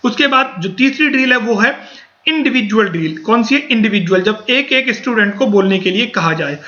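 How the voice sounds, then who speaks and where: Male exam-prep teacher, high bright voice, dull lo-fi recording, quizzes himself as he explains. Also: expressive, normal speed. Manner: asks and answers his own questions. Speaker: English teacher.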